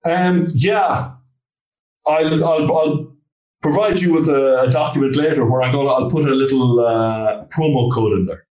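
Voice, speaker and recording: This slightly mellow, mid-range male voice moves at a measured pace and sits far from the microphone, with a roomy echo around it. The speaker, a trainer and consultant from Galway, Ireland, has a west of Ireland accent and answers as an interview guest in plain, informal conversation.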